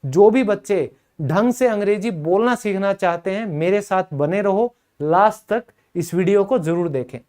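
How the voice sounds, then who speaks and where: A man's voice: high voice, normal speed, darkish tone. A man teaching an English pronunciation lesson, repeating words emphatically to drill them.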